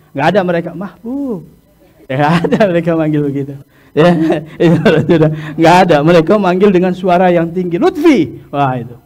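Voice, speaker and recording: Lively man teaching hajj pilgrims. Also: fairly high pitch. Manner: peppers talk with "ya" and chuckles. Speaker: hajj instructor. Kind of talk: religious lesson lecture.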